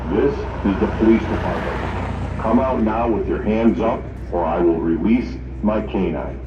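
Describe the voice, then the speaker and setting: A male police officer giving firm, commanding dispersal orders over a loudspeaker like a bullhorn, outdoors on a city street at night. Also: lowish voice, unhurried. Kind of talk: public address announcement. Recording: distant echoey loudspeaker, muffled, loud street noise.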